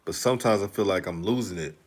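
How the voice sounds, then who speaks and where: A Houston, Texas man with a slight Texan accent hosts a live stream, chatting loosely, reading the chat, and laughing often. He has a deep voice and talks fast.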